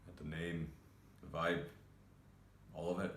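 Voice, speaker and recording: An actor playing a grieving young male cook who talks in a halting, hesitant way full of fillers. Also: deep voice, level tone, a bit bright, roomy sound, slight background noise. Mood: subdued. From Scotland. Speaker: actor performing a monologue. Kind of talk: self-tape monologue.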